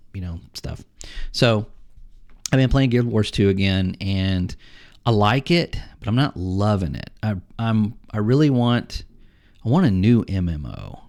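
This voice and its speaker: A middle-aged man co-hosting a podcast, telling rambling, animated stories about the games he plays and acting out the other players. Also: lowish voice. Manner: rambling, animated storytelling with acted-out quotes. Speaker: podcast co-host. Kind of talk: casual chat about video games.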